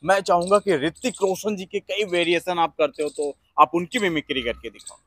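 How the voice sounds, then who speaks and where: A man's voice: high-pitched, normal speed, fairly bright tone. A man interviewing a mimicry artist, praising him often and asking for more impressions. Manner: frequent short praising interjections. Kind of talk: casual interview with praise and prompts.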